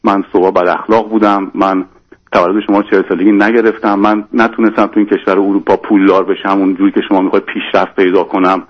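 A man calling in to a radio show, telling a long personal story and acting out the quoted lines in a raised voice. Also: flat delivery. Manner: rambling, acts out quoted lines in a higher voice. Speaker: caller. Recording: dull lo-fi radio sound.

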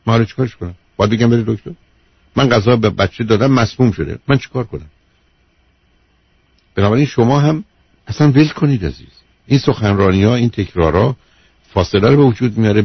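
A lowish, husky male doctor counsels a caller on a radio advice show, driving his points home with repetition and calling her "dear". The voice is close and dry, with dull, lo-fi broadcast sound. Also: dry recording. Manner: emphatic, lecturing, repeats key points, calls the caller "dear".

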